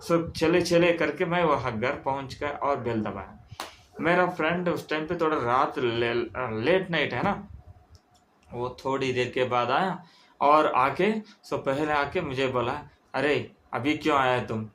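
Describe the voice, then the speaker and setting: A man telling a story in the first person, halting, with restarts and English words mixed in. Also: medium pitch, fairly bright tone, a little hiss or hum.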